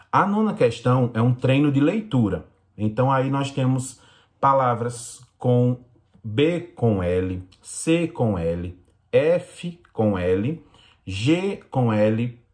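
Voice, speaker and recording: Patient Brazilian man teaching children. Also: mid-range voice. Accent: Brazilian Portuguese. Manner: slow, patient explaining to young children. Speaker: primary school teacher. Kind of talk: recorded classroom lesson.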